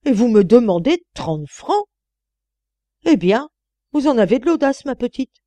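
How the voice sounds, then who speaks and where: A woman's voice: medium pitch, big pitch swings, normal speed, dark tone, no echo, close to an everyday voice. A woman reading an audiobook voices a cruel, scornful old woman who is hiring a maid, speaking in an imperious, cutting manner. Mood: outraged.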